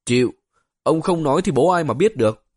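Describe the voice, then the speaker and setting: A man's voice: fairly high pitch, lively intonation, fairly quick, a little mellow, breathy edge, no echo, studio quality. A man voicing a grumbling, teasing old male wanderer in an audiobook, with blunt, needling retorts. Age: older.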